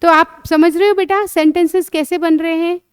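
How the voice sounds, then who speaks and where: Woman, English teacher for kids; high, dry recording, drills phrases slowly and patiently. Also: steady tone, no room sound. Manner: patient, repeats phrases slowly, quizzes with questions. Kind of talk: teaching lesson to children.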